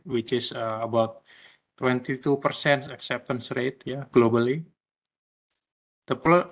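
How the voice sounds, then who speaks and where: A man's voice: mid-range voice, fairly bright tone. A man from Indonesia, not an English speaker, giving a presentation in a hesitant way, with many fillers and restarts. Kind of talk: online session presentation.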